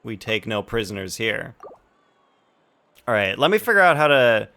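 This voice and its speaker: This gaming livestream host talks through his setup in casual chat over background music. His lowish voice is bright and forceful with vocal fry, sing-song in rhythm, at a normal speed.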